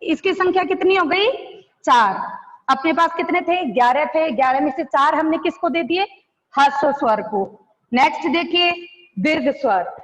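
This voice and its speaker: Lady teacher, high voice, dull lo-fi sound with long reverb. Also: expressive. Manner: slow, question-and-answer teaching, answering her own questions. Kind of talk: online class lecture.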